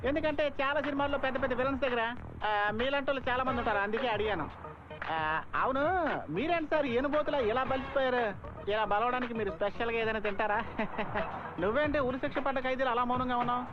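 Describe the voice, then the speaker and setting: A man's voice: very high-pitched, fast, music in the background. An actor playing a talkative comic village man lost in a big city, rambling and joking to himself. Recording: dull movie audio with score.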